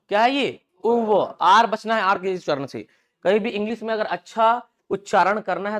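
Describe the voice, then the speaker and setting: This man has a high voice and an Indian accent. He's teaching an English class lecture-style, drilling pronunciation by asking students again and again while mixing Hindi with English words.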